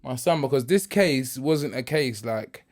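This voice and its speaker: A man's voice: medium pitch, animated, measured pace. A man with a south London accent chatting casually in an interview, using street slang and frequent tag questions. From Lewisham, south London. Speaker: music artist guest on a prison podcast.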